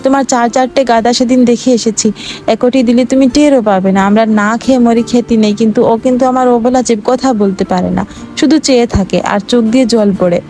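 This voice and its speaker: A woman voicing a poor, gentle farmer who pleads and speaks tenderly to his ox. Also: fairly high pitch, fairly even intonation, brisk, close to an everyday voice. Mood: pleading. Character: poor, gentle, sorrowful farmer man, middle-aged.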